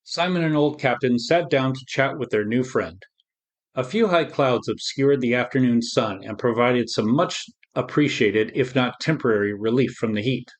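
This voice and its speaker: A man reading a children's story aloud as the narrator, in a calm, even storytelling manner. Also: medium pitch, moderate pace.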